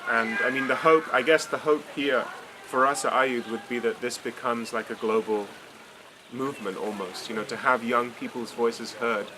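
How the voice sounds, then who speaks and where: A man in his late twenties from England, answering interview questions in a measured, articulate way. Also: mid-range voice, steady tone, noisy background. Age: 20s. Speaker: summit participant.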